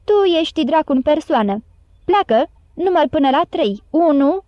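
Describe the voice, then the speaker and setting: A woman's voice: sits high, animated, no room sound, dull audio, voice pushed up. A woman reading an audiobook voices an angry, burly male circus athlete who makes defiant threats.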